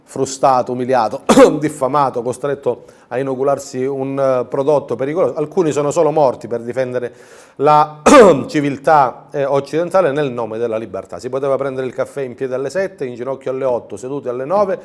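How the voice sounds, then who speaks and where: A man delivering a sarcastic political commentary monologue, mocking and ironic, who often clears his throat. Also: medium pitch, brisk, a little mellow.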